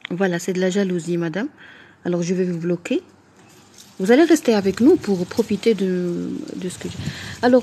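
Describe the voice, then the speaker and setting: A woman's voice: mid-range voice, warm tone, slight background noise. A woman doctor from Morocco hosting a live stream, answering viewers' comments frankly, with frequent fillers and restarts.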